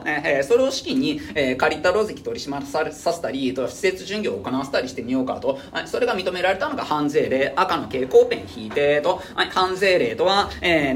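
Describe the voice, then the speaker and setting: A man teaching a high school history class in a casual, joking lecture style. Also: a little hiss or hum. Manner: casual, joking, lively delivery.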